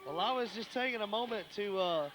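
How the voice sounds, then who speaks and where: High-voiced male play-by-play man. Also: expressive, a little fast, a bit bright. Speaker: play-by-play commentator. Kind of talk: live wrestling play-by-play. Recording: clearly noisy live event background.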